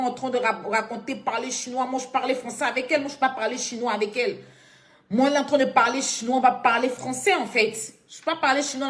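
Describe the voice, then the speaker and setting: Woman, slightly high voice, live-stream ranter, scolding and slangy. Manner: animated, scolding, slangy, mixes in English phrases. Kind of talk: casual live-stream rant.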